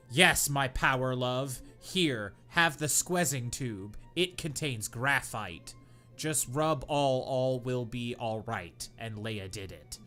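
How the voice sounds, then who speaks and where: With faint music behind him, a man with a mid-range, bright and forceful voice reads slowly from bad fan fiction on his podcast. He stumbles on the clumsy sentences and cracks up often, breaking off for mocking, incredulous comments.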